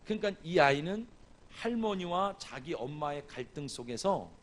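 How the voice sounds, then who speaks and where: A man's voice: a little high, lively intonation, normal speed, a little hiss or hum. A man preaching a revival sermon as guest pastor, asking the congregation questions and acting out dialogue from a family story. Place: church sanctuary.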